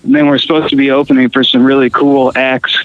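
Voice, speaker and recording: A man's voice: medium pitch, fast, phone-quality sound, slight background noise. A man from Costa Rica, a guest musician, telling fishing and travel stories in casual chat with fillers and restarts. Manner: relaxed storytelling with fillers and restarts.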